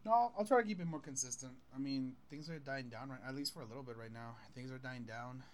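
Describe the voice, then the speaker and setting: A man's voice: medium pitch, fast talker. A man co-hosting a casual podcast in an easygoing, playful way. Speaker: podcast co-host. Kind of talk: casual chat.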